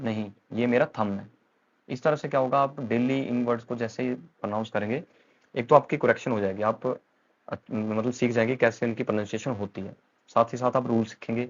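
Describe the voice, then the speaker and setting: A man runs an English pronunciation lesson at a steady middle pitch, walking through each rule step by step. He switches between Hindi and English as he explains. The recording sounds a little dull and lo-fi. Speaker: English teacher.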